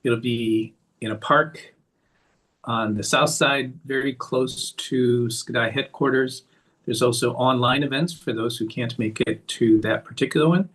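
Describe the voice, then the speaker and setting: A man with a husky, slightly rough voice gives closing remarks on a video call. He moves briskly through resources and announcements like an announcer. His pitch sits in a middle range. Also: a bit bright, low-quality recording. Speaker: summit organizer closing the session.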